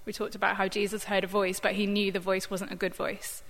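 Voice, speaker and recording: Bright-voiced woman giving a reflection. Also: medium pitch, level tone, brisk. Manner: conversational, thoughtful, many fillers. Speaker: church staff member giving a Bible reflection. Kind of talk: informal sermon reflection. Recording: long hall reverb.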